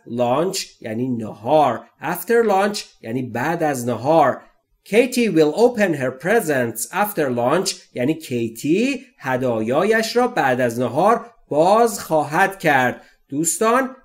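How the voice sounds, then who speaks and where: Lively male English teacher, slow then quick. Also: on the high side. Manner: reads English sentences slowly, then explains quickly; asks the listener questions and answers them himself. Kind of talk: language lesson, reading and explaining sentences.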